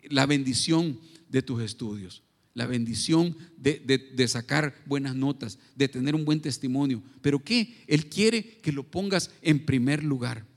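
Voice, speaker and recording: A man preaching a sermon in a conversational way, often asking for agreement and restarting his phrases. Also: a little high. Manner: conversational, frequent tag questions and restarts. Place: church. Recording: long reverb of a church hall.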